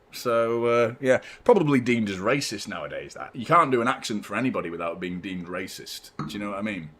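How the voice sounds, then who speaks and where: Chatty young man, lively pitch. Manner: chatty, rambling, shouts out viewers by name. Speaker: fan watchalong streamer. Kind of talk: live stream chat with viewers.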